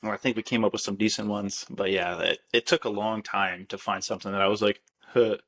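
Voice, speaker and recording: A man's voice: fairly low pitch, fairly even intonation, fast talker, a bit bright. A man co-hosting a podcast in casual chat, rambling with repeated restarts and swearing. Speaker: podcast co-host.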